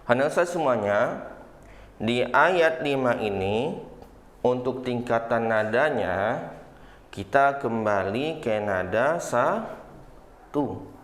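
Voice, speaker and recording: A man's voice: medium pitch, lively intonation, takes it slowly, long pauses. A man teaching Quran recitation to schoolchildren, patiently explaining each step and calling himself Ustadz. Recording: roomy echo.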